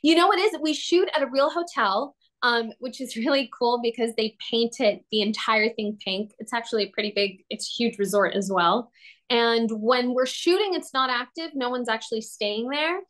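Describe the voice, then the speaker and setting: A young woman who grew up in Latin America, an actor talking as a guest in a casual video-call interview, lively and expressive, laughing often. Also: a little high, normal speed. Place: home room, indoors.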